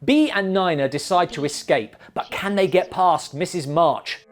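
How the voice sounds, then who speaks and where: A man with a slightly higher voice hosts a bad-movie review, mocking each scene with dry, sarcastic narration. Faint music plays under his voice. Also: moderate pace. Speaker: film reviewer host. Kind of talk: sarcastic comedic film review.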